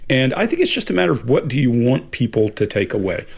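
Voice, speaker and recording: A man in his late fifties co-hosting a live Q&A over a video call, answering questions in a relaxed, explanatory way. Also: medium pitch, quick pace, vocal fry. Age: 50s. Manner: relaxed, explanatory, laughs easily. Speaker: co-host. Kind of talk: casual live Q&A chat. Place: home office with bookshelves. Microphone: video call webcam.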